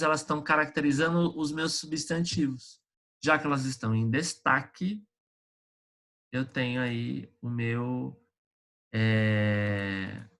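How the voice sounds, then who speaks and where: A man's voice: medium pitch, bright, forceful tone. A man teaching an online lesson, going over exercises in a conversational way, often checking in with his students and hesitating with fillers. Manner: hesitant, with frequent fillers and restarts.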